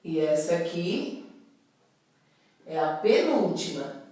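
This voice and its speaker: A woman's voice: lowish voice, big pitch swings, slow pace, mellow. A woman teacher with a Brazilian Portuguese accent, explaining a grammar lesson patiently and often checking in with her class. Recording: very echoey room, voice from a distance.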